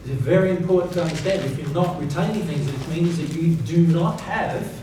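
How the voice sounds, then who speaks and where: Brisk and fairly high-pitched, this male speaker teaches spiritual principles to a gathered audience in an informal way, stressing points, repeating key words, and checking understanding with rhetorical questions. It's recorded from a distance in a noisy, heavily echoing seminar room.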